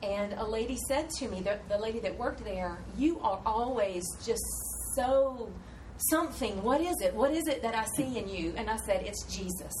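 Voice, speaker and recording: Earnest cheerful woman, higher voice, distant, noisy room. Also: animated, moderate pace, hardly any pauses, darkish tone. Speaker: church group member. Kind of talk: casual testimony. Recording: distant voice with background noise.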